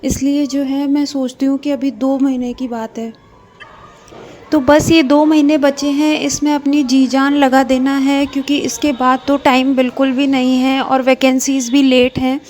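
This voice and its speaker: Brief: young woman vlogger, high voice with a mellow tone, chatty, calls viewers friends. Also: flat delivery, a little slow, slight background noise. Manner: chatty, addresses viewers as friends, frequent hesitations. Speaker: vlogger studying for an exam while raising a child. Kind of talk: casual talk to viewers.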